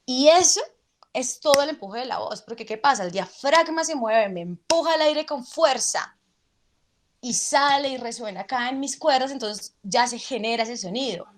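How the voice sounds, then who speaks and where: At a normal speed and in a high-sitting voice, an actress and drama teacher answers an interviewer's questions. Animated, she backs up her points by demonstrating them with her voice.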